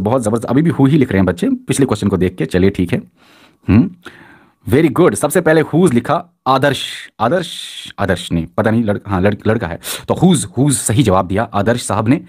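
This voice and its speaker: Husky-voiced man running a lively quiz. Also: mid-range voice. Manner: energetic, encouraging, repeats praise. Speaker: online quiz teacher. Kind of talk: live-stream quiz class.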